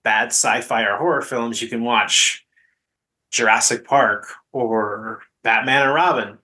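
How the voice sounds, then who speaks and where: A man's voice: medium pitch, fairly even intonation, measured pace, sharp tone. A man co-hosting a podcast, chatting casually about a film and laughing between points. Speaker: podcast co-host.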